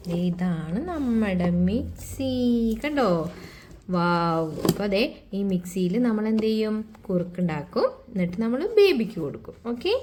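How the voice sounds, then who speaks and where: A woman's voice: medium pitch, noisy background. A woman hosting a casual pretend-play vlog. She chats with her viewers and keeps asking them rhetorical questions. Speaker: vlogger.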